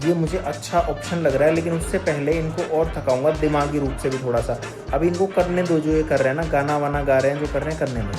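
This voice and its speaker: Picture a man running a stay-awake challenge who keeps turning to the camera to share his next trick. His voice sits a little high and has a confiding, scheming tone. Background music plays under him. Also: fairly even intonation, quick pace. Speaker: challenge host. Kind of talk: casual vlog narration to camera. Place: studio.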